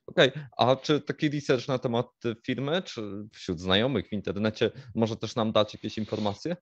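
A man co-hosting a vlog, asking measured follow-up questions in a casual talk. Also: lowish voice, dry recording, highs cut off. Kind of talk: casual conversational Q&A.

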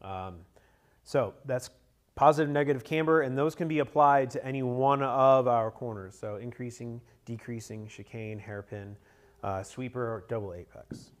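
In a conference room with people gathered around tables, a thirtysomething motorcycle coach runs a cornering clinic, talking with his hands at the whiteboard, full of energy and jokes. His pitch is medium and his speed normal. A camera across the room picks him up, with no mic in sight.

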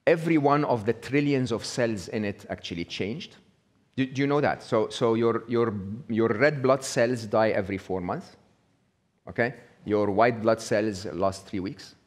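A middle-aged man gives a live talk in a small indoor venue with a brick wall. His mid-range voice is unhurried and conversational, and he often checks in with the audience by asking "okay?".

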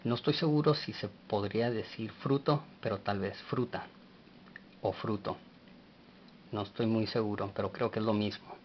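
A man teaching a language lesson, speaking slowly and spelling words out letter by letter. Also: fairly low pitch, steady tone, highs cut off, a little hiss or hum.

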